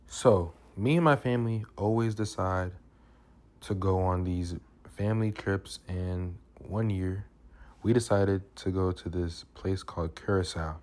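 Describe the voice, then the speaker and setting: A young New York man vlogs a casual storytime, laid-back and full of slang and profanity. His voice is low and a little mellow, with fairly even intonation and a measured pace.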